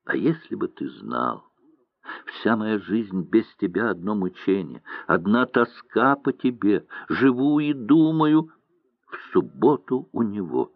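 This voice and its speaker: A man's voice: on the low side, sing-song, slow pace, creaky, no echo, full character voice. A male reader voicing a young woman who pleads and reproaches her lover through tears, in a dry, tinny audiobook recording. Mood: bitter. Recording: dry, tinny narrow-band sound.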